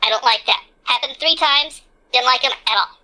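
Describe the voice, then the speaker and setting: A brash, bragging mercenary boss acted by a woman in a tabletop game, talking fast and excitably with a very bright, sharp tone. The boss sounds pitched a little high. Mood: boastful.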